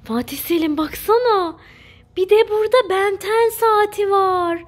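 A woman's voice: very high-pitched, measured pace. A young mother hosting a family vlog, talking playfully and sweetly to her little son. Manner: cooing and playful, talking to a toddler. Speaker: mother and channel host.

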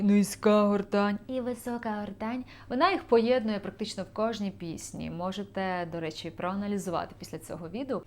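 Enthusiastic woman vocal coach explaining. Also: mid-range voice. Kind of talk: video lesson on singing technique.

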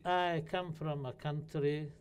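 A man from Syria, an audience member asking a formal, halting question into a handheld mic in a lecture hall. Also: fairly high pitch, fairly even intonation. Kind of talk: question from the floor.

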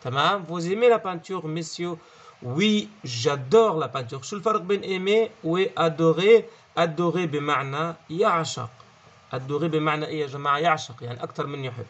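In an online language lesson, a man with a Levantine Arabic accent explains French, repeating key words and frequently checking in. His voice is fairly high and moderately paced, though the audio sounds dull.

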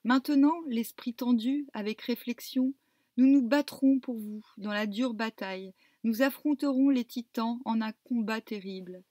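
A woman's voice: fairly high pitch, a little slow, warm tone, dry recording, studio quality. A woman reading the reply of Kotos, a loyal hundred-armed male giant, in an earnest, deferential way.

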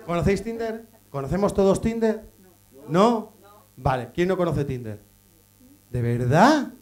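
A man's voice: high voice, expressive, measured pace, a little mellow. A man doing a stand-up comedy set on stage, teasing the audience with crude jokes and introducing the next comic.

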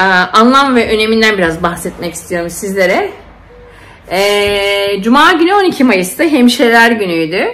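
Her voice is fairly high and a bit bright: a middle-aged woman, a nurse and mother, chatting at home to the camera. She tells emotional stories in a chatty way, full of fillers.

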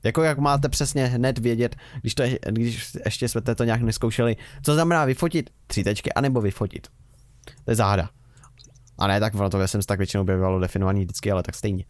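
A young man chats his way through a life-sim game in a relaxed, rambling way, dropping wry asides as he goes. His voice sits low, and the recording is dry and close, with no room sound around it. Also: dry recording. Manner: chatty, rambling, wry self-mocking remarks. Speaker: Let's Play host. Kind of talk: casual gameplay commentary.

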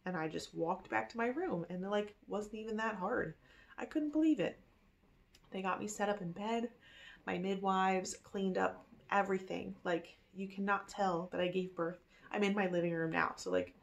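Young woman talking at home, kinda low voice, chatty and excited, lots of ums. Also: rough recording. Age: young adult. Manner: chatty and animated, frequent fillers. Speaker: vlogger telling her birth story. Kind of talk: casual storytelling to camera. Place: living room at home.

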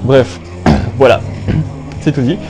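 A man's voice: medium pitch, big pitch swings, takes it slowly, background noise. A young man giving casual, jokey gameplay commentary through an old phone headset, rambling with many fillers and restarts. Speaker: gaming YouTuber.

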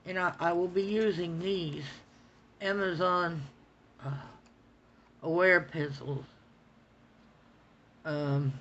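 A woman's voice: on the low side, fairly even intonation, takes it slowly, long pauses, a bit bright, muffled recording, slight background noise. A woman chatting casually about art supplies on her channel, rambling and stammering as she repeats herself. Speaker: coloring channel host. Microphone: phone.

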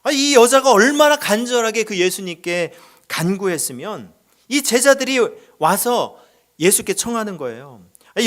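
A male pastor delivers a dramatic sermon in a church. His voice sits high and leaps widely in pitch. He acts out the quoted lines with feeling and drops to near whispers. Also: fairly bright tone. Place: church sanctuary.

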